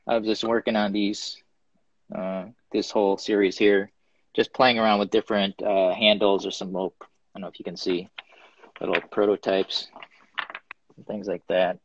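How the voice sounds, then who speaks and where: Rambling low-voiced man in his studio. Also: flat delivery, normal speed, pauses often, no room sound, highs cut off. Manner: rambling, full of ums while showing his work. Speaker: guest ceramic artist. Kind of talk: casual live-stream chat. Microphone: phone or webcam on a live video stream.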